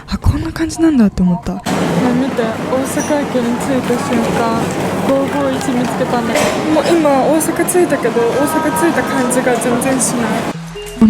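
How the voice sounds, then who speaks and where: A woman in her twenties chatting casually in a vlog voice-over, upbeat and gushing about things she loves. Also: a little high. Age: 20s. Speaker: vlogger. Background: background music.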